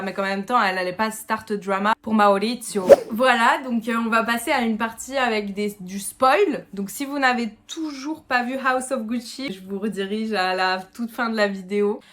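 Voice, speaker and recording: A chatty young-sounding French woman talks through her opinion of a film as a casual video review. Her pitch sits in the middle of the usual range, and she drops the odd English word into her speech. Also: fairly bright tone. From France. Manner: chatty, mixes in English words.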